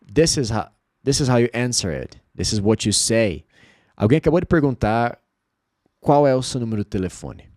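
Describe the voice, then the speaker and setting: A man whose first language is Portuguese, teaching English in an online lesson and drawing out model words slowly so that learners can repeat them. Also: mid-range voice, animated, a little mellow, no room sound, studio quality.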